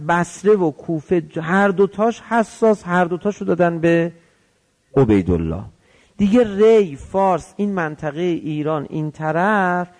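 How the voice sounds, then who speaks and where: A man's voice: fairly high pitch, a little mellow. A man preaching in the form of a story, telling it vividly and acting out the dialogue in changing voices. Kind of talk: religious storytelling sermon.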